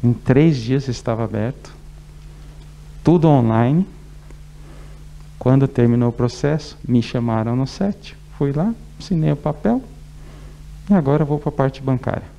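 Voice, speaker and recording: Dark, gravelly Brazilian man presenting slowly. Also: medium pitch, dull audio. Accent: Brazilian Portuguese. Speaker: event host introducing speakers. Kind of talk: public presentation. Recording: noticeable background noise.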